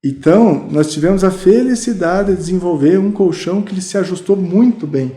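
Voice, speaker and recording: Brazilian man, middle-aged, animated storyteller guest; dark tone, echoey room. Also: sits high, a little fast. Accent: Brazilian Portuguese. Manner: animated, lively anecdotes with many fillers. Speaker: guest, mattress salesman. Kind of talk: casual storytelling interview. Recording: roomy podcast studio.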